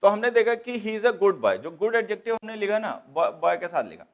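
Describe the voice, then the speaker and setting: In a classroom lecture, a man teaches English grammar to exam students, going step by step and repeating key points. His voice is high and sing-song, and he speaks a little fast.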